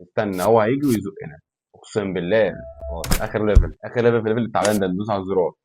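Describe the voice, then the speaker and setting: Young man, Egyptian accent, fast talker, let's play commentary, excitable outbursts. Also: on the low side, noisy background. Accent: Egyptian Arabic. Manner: excitable, talks to himself and the game, yells in frustration. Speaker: gaming YouTuber.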